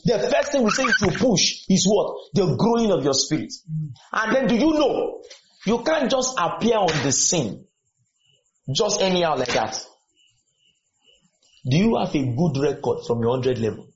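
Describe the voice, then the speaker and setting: A man's voice: sits high, sing-song, moderate pace, pauses often, a little hiss or hum. A man preaching a sermon to students, firing questions at them and repeating his points. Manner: questioning, exhorting, repeats lines. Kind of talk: sermon with call and response. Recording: echoey room, dull lo-fi sound.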